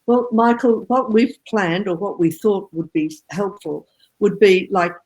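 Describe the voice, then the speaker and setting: A woman co-hosts a relaxed group call in a mid-range voice. She pauses to hunt for words and agrees easily with the others. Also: medium pitch, rough recording. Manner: hesitant, searching for words, agreeable. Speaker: co-host. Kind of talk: casual group discussion.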